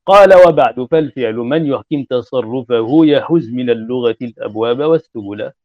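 Male grammar teacher, deliberate repetitive classroom lecturing, muffled lo-fi audio. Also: medium pitch, dry recording. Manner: repeats and spells out word forms deliberately. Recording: dull lo-fi recording.

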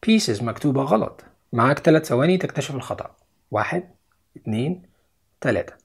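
Young Egyptian man, patient video English teacher, breathy voice, mid pitch. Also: lively intonation, a little fast. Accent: Egyptian Arabic. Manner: explains step by step, repeats each English word twice. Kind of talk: video lesson.

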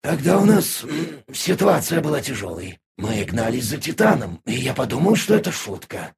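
A man's voice: mid-range voice, very animated, normal speed, creaky. A man doing a jittery, anxious aide. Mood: nervous. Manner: urgent, nervous.

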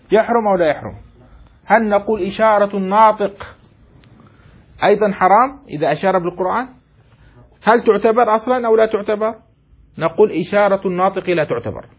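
A man teaching a classroom lesson, often asking his students questions, repeating his points and chanting rhyming lines slowly for dictation. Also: high-pitched, breathy edge. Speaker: teacher of Islamic jurisprudence.

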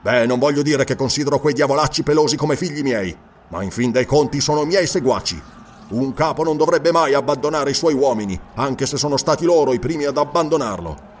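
A man's voice: mid-range voice, a little fast, far from the mic, slight background noise, lightly acted. A man doing a blunt, hot-tempered barbarian chief. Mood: defiant. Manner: blunt, cursing, gruff. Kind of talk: audiobook character voice.

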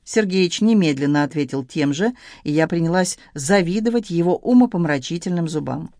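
A woman narrating a first-person novel in a lively, ironic storytelling manner. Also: fairly low pitch, normal speed, no echo, clean studio sound. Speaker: audiobook narrator.

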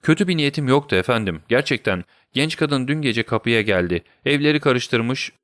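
A man's voice: mid-range voice, animated, moderate pace, fairly bright tone, dry recording, studio quality, close to an everyday voice. A man voicing a nervous, apologetic police constable who explains himself in a deferential way in a storybook reading.

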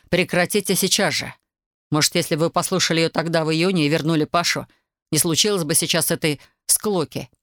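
A woman reading an audiobook, voicing a firm, protective young man who speaks calmly and with authority. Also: low-pitched, no echo, clean studio sound. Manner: calm, hard, commanding.

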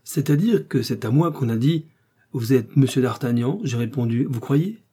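A man voicing a calm, aloof musketeer around thirty who answers dryly and unbothered in a storybook reading. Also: mid-range voice, moderate pace, husky, pitched above the performer's own voice, lightly acted.

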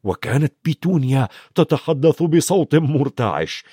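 A man narrating a storybook in an expressive, varied reading. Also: fairly high pitch, moderate pace, slightly rough, dry recording, studio quality. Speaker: audiobook narrator.

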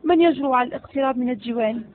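A short-tempered, menacing vizier, as a woman reads him in a spoken storybook. The voice sits high, and the sound is thin and narrow, as if over a phone line. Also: racing, lightly acted. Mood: impatient. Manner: impatient, menacing. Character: irritable threatening male vizier, older.

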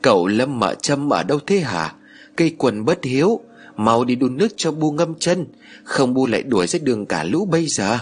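Storybook harsh old mother-in-law, loud scolding, husky, a male narrator voicing her. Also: mid-range voice, big pitch swings, moderate pace, faint music behind. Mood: angry scolding. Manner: yelling, scolding.

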